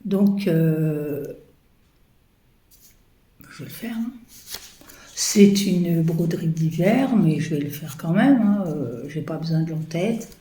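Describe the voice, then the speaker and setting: A woman's voice: low voice, lively intonation, slow, long pauses, warm tone. A woman vlogging about her embroidery projects in a hesitant, casual chat full of fillers, her throat choked and coughing. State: coughing, choking. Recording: echoey room, faint noise.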